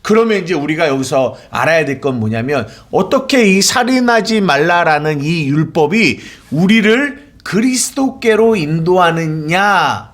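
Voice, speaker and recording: A man's voice: on the high side, animated, measured pace, hardly any pauses, a bit bright. A man preaching a sermon in a church, asking the congregation questions and answering them himself. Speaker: pastor.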